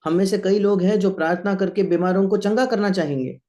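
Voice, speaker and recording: Male sermon interpreter, high-pitched, mellow tone, steady line-by-line delivery. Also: fast talker, muffled recording.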